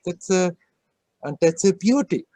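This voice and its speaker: A man giving a spiritual satsang talk on a video call, gentle and laughing often as he speaks. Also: high-pitched, lively intonation, measured pace, no echo, poor audio. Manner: gentle, laughs often, repeats words playfully. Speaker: spiritual teacher.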